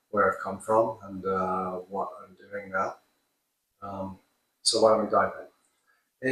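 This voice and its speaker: A man in his fifties gives a casual, relaxed introduction of himself, pausing often with filler words. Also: fairly low pitch. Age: 50s. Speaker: creator of a crowdfunded project. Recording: roomy echo, mic at a distance.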